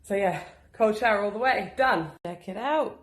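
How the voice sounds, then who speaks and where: A woman's voice: medium pitch, expressive, normal speed, echoey room. Upbeat chatty woman vlogging. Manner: chatty and upbeat, laughs often. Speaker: vlogger and business owner. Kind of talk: casual daily vlog. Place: at home, indoors.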